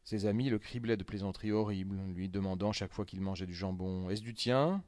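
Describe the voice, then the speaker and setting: A man narrating a classic story aloud in a measured, deadpan reading. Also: low voice, dry recording.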